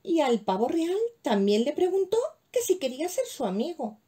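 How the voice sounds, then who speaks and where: A woman from telling a children's story as a preschool teacher, reading expressively and playfully with hushed asides to the children. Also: high voice, sing-song, normal speed.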